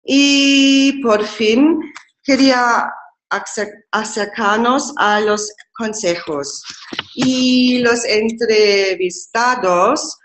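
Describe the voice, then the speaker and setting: Slow-spoken German woman presenting a webinar. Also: on the high side, a bit bright, reverberant, a little hiss or hum. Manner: slow, careful non-native Spanish with small grammar slips. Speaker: webinar presenter, intercultural trainer.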